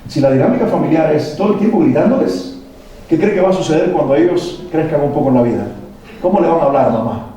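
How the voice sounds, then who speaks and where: Deep, mellow man preaching in an echoey hall. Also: expressive, fast talker. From Latin America. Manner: preachy, poses rhetorical questions to the audience. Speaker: speaker at a parenting workshop. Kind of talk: motivational talk to parents. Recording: very echoey hall, mic at a distance, faint noise.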